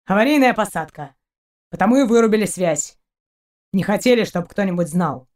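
A woman's voice: mid-range voice, lively intonation, normal speed, a little mellow, lightly acted. A woman reading aloud, voicing a brash male ship captain who grumbles and speaks curtly. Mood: gruff. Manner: grumbling, curt.

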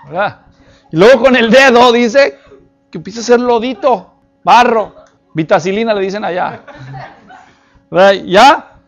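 A man preaching an expository sermon, lively and joking, with many rhetorical questions to the congregation. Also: high voice, unhurried, pauses often, soft background music. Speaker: pastor. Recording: dull lo-fi recording.

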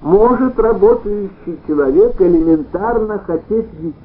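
A man's voice: expressive, normal speed, breathy edge. A man reading aloud and voicing a petty, self-pitying male official who whines and shrieks, over a tinny, phone-like line. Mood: whiny. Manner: whining, shrill outbursts. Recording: tinny phone-like sound, faint noise.

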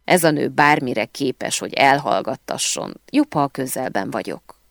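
A woman's voice: rumbling low, expressive, vocal fry, dry recording, studio quality, exaggerated voice. A woman reading the lines of a flirtatious, protective male private detective in an audiobook. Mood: fond.

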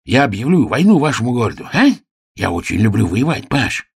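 A man playing a vain, petty little king with a gravelly voice. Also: expressive, normal speed, no echo, studio quality, heavily acted. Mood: capricious. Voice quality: low gravelly husky voice. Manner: capricious, smug, suspicious. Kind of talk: audiobook drama reading.

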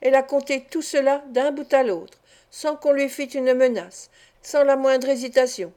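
A woman reading aloud, voicing a sleepy young man who reports events flatly. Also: high voice, normal speed, voice pushed up, close to an everyday voice. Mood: matter-of-fact. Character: sleepy young male informer, plain.

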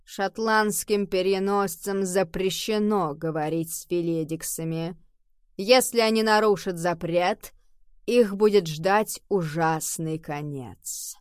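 A woman voicing a relaxed male cat who is a visiting teacher, speaking slowly and casually. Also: fairly low pitch, smooth, no echo, studio quality. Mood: laid-back. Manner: relaxed, slow and drawling.

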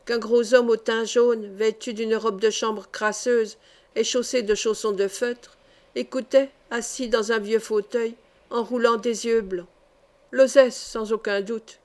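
A woman reading a classic novel aloud as an audiobook, in a measured, even storytelling manner. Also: a little high. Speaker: audiobook reader. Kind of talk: scripted narration of a novel.

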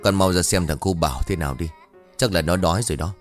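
A man doing a gentle worried father. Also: low voice, fast, soft background music, close to an everyday voice. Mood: soothing. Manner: soft, calm and soothing.

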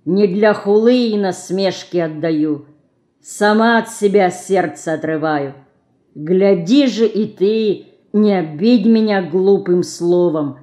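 A woman voicing a pious, grieving peasant woman who speaks slowly, mournfully and sternly. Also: mid-range voice, warm tone, natural voice.

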